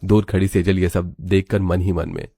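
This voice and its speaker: A man narrating a scripted family story in a steady storytelling manner. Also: sits low, normal speed, gravelly, faint music behind.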